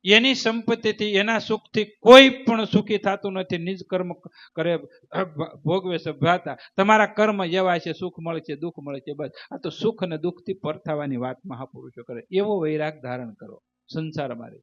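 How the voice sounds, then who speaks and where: A man's voice: high-pitched, normal speed, fairly bright tone. A man giving a devotional sermon as a spiritual teacher, preaching emphatically with rhythmic repetition. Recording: dull lo-fi recording.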